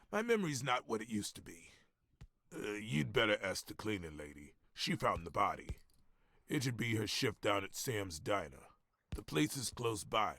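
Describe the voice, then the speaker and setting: Raspy, chatty older gym worker. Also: male voice, fairly low pitch, a bit bright, no room sound, studio quality, full character voice. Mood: chatty, amused. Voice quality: raspy, gravelly.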